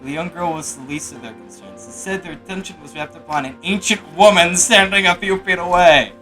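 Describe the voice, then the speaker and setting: A man's voice: high-pitched, fairly quick, pushed and bright, rough recording. A man reading a novel aloud on a live stream from an apartment room, with casual joking asides. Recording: background game music.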